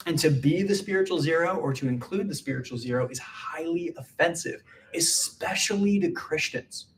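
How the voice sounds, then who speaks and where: A man's voice: a little high, normal speed, distant mic, slight background noise. A man preaching a casual midweek sermon, chatty and full of "like" fillers. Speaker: pastor.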